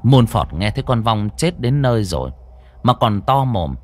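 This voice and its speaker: A man's voice: fairly low pitch, big pitch swings, normal speed. Dramatic male ghost story narrator.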